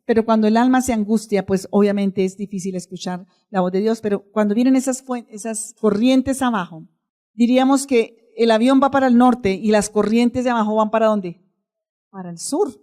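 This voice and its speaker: A woman's voice: on the high side, moderate pace, warm tone. A middle-aged woman preaching a sermon, asking her congregation questions and answering them herself.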